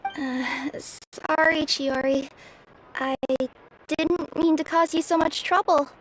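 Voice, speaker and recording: An actress playing a gentle, earnest young female courier in a video game, anxious and hesitant. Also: high-pitched, fairly even intonation, takes it slowly, a little hiss or hum, rough recording. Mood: apologetic.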